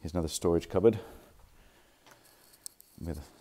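A man with a deep, warm voice and a measured pace shows pieces of furniture around a warehouse. As a furniture dealer, he keeps the walkthrough of his stock chatty and informal, sometimes correcting himself, all filmed on a handheld phone camera.

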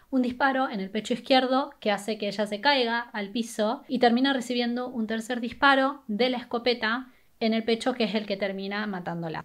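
Young Argentine woman, chatty storyteller. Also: on the high side. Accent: Argentine Spanish. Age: young adult. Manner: conversational, brisk, with filler "eh" and "¿no?". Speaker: true crime vlogger. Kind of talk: casual storytelling while doing makeup. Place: small bedroom indoors. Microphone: webcam or camera at desk distance.

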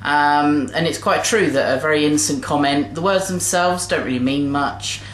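A young woman talking casually to a webcam in a small bedroom, gentle and hesitant with many fillers. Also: deep voice, normal speed. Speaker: vlogger. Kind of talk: casual video response. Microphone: webcam at desk distance. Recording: roomy bedroom echo, faint hiss.

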